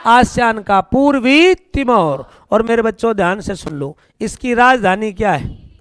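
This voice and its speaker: A male teacher with a Haryanvi accent runs a current affairs class for exam students. His voice sits very high for a man. The recording is dry and close, and he keeps firing questions and answering them himself, with folksy jokes. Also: animated, measured pace, a bit bright, clean tone, no room sound. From India. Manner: folksy, joking asides.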